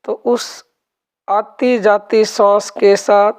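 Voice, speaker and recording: In a clean recording, a woman with a medium-pitched voice leads a meditation. She talks very slowly and calmly, walking the listener through it step by step. Certain phrases return in gentle repetition.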